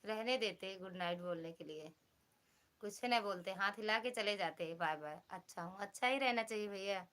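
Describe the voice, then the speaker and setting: Brief: woman from Uttar Pradesh with an Awadhi lilt, bright and tense, playfully scolding viewers on her live stream. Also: medium pitch, normal speed. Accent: Awadhi-flavoured Hindi. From Uttar Pradesh, India. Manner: teasing, chatty, reads out and thanks commenters.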